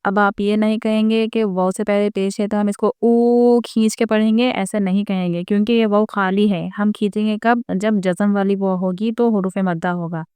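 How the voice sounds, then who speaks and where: A woman's voice: mid-range voice, steady tone, normal speed, hardly any pauses, dark tone, clear, resonant tone, dry recording, clean studio sound. A woman teaching Quran reading rules step by step, patiently explaining each rule and asking her viewers rhetorical questions. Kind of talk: step-by-step recitation lesson.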